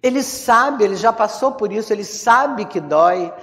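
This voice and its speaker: In a reverberant hall, a woman Spiritist lecturer with a Rio de Janeiro Brazilian accent gives an informal public religious talk. Her mid-range voice is expressive at a normal speed, and she's conversational, acting out inner complaints and checking in with listeners through frequent tag questions. Long hall reverberation colours the recording.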